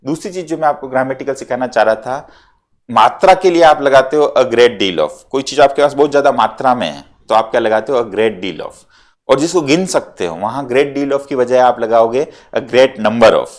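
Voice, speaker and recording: A male teacher with a Rajasthani Hindi accent, mid-pitched voice, walking a class through English tenses in Hindi. He breaks each point into small steps and checks in with the class again and again. Example sentences come out slow and deliberate, as if dictated to students. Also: animated. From India. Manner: explains step by step, asks rhetorical checks like "clear?"; mixes Hindi with English grammar terms. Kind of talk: classroom grammar lesson.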